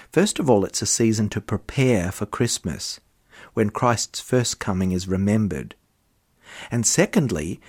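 A man, a clergyman, delivering scripture readings and a homily in a measured liturgical style. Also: lowish voice, darkish tone.

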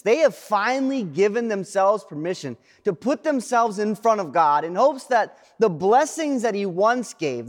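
A man preaching a sermon as pastor, dramatic, with pauses and repeated refrains. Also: high voice, long reverb tail. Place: church sanctuary.

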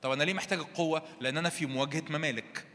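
A man's voice: fairly high pitch, fairly even intonation, racing, bright, forceful tone, a little hiss or hum. A man with an Egyptian Arabic accent preaching a teaching sermon, emphatic and quizzing the audience with call-and-response questions. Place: church meeting hall. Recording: long hall reverb.

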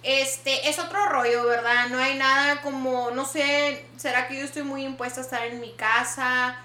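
Bright high-voiced woman, lively storyteller. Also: normal speed. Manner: animated, dramatic storyteller switching between Spanish and English. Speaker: podcast host. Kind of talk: casual storytelling chat. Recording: echoey room with faint ambience.

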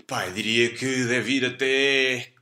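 A man's voice: medium pitch, steady tone, slow, pushed and bright. A man chatting casually and jokingly as a podcast guest in a home. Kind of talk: casual comedic chat. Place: indoors at home. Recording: roomy, echoey home recording.

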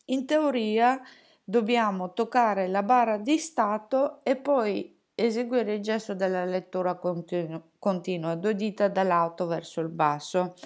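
A woman's voice: medium pitch, measured pace, darkish tone. A woman explaining phone settings step by step in a tutorial, with fillers and self-corrections. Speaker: teacher demonstrating a phone.

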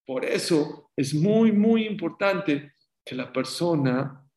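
A man giving a sermon as a religious teacher, telling stories in an animated way. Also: a little high, slow. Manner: animated, acts out story voices. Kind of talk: sermon with storytelling. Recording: roomy echo.

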